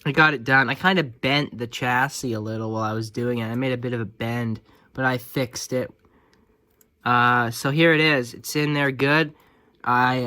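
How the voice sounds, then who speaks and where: With a bright, forceful, smooth mid-range voice, this man narrates a repair in his own video. He is a hobbyist radio repairer who talks casually and spontaneously, making light of himself as he works.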